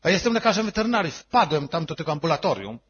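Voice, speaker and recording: A male pastor telling a personal testimony in a sermon, emotional, swinging between hushed and loud. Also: fairly high pitch, very animated, fast, breathy edge, lo-fi sound.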